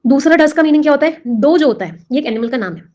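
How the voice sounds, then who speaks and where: A woman's voice: sits high, animated, fast, darkish tone. A woman teaching vocabulary for exams, explaining in Hindi with terms and constantly quizzing her students. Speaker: English teacher for exam prep. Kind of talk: classroom lesson.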